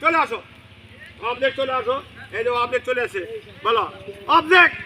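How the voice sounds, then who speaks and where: A male English teacher drilling children in a classroom, loudly firing the same questions again and again in call-and-response. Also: extremely high pitch, brisk. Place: busy classroom full of children. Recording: loud noisy crowd of children.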